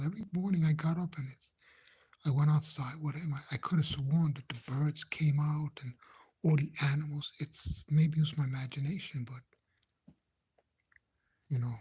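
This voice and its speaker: Hushed, breathy man whispering to his phone. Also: fairly high pitch. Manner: halting, rambling, gentle, nervous. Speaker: livestreamer chatting with viewers. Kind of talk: hushed casual live chat. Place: indoors in a house he shares, speaking quietly.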